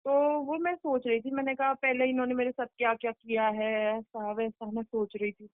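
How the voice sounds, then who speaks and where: A woman's voice: fairly high pitch, flat delivery, moderate pace, no room sound. A woman on a phone call to her spiritual teacher, recounting a meditation vision in a rambling way, with many fillers and restarts. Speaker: caller seeking spiritual guidance. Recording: tinny, dry phone line.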